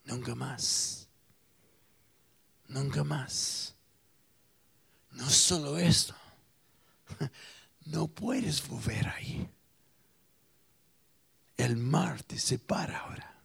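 A man preaching a sermon, swinging dramatically between loud proclamations and hushed, near-whispered lines. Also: mid-range voice, extremely slow, creaky, long pauses, slightly rough. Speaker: pastor.

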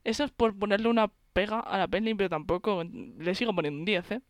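A woman's voice: mid-range voice, fast, no echo, studio quality. A woman with a Spanish accent from Spain, chatting casually and enthusiastically while reviewing a film. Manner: enthusiastic, chatty, laughs often. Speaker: film podcast co-host.

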